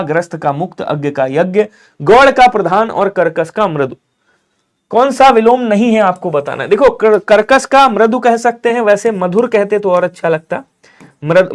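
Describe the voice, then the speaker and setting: A man teaching a live online exam-prep class, urging viewers to comment quickly and answering in his students' voice. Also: sits high. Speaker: Hindi teacher.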